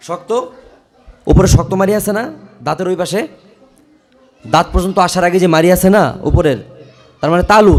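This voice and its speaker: A man teaching a Quran recitation class in a madrasa classroom, chanting verses slowly and drawn out, then explaining pronunciation briskly with many checking questions, in a Bangladeshi Bengali accent. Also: high-pitched.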